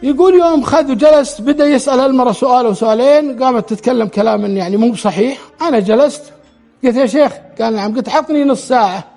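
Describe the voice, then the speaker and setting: A man's voice: very high voice, quick pace, darkish tone, soft background music. A man telling a true story aloud, relaying the dialogue in quotes and often restarting his words. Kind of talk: spoken storytelling.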